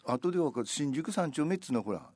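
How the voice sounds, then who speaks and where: A man in casual radio chat, telling stories with lively recitation of old rhyming verse. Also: a little high, fast, a crowd in the background.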